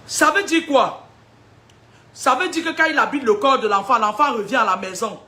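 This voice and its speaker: High, bright-voiced woman preaching with fire. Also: moderate pace. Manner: emphatic and combative, asks rhetorical questions, often laughs. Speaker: spiritual seer giving prophecies. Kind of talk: preaching spiritual warnings to an audience.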